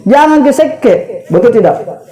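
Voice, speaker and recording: A man's voice: very high voice, animated, unhurried, warm tone, poor audio. A man, giving a humorous condolence sermon and often turning to the audience with jokes. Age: 30s. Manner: joking, chatty, addresses the audience directly, laughs at his own stories. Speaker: preacher.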